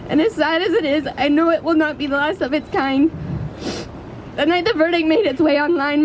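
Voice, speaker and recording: A woman giving a prepared speech as an activist at a rally, speaking in an earnest, impassioned, deliberate way. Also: sits high, rough recording. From Canada. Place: outdoors in a city square. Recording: outdoor public square with city traffic noise.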